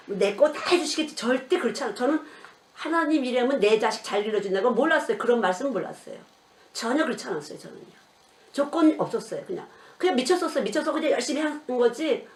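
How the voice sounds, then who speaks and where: An older woman preaching a sermon as a children's missionary, telling stories and acting out the voices of the people she quotes. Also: fairly high pitch. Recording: echoey room, voice from a distance.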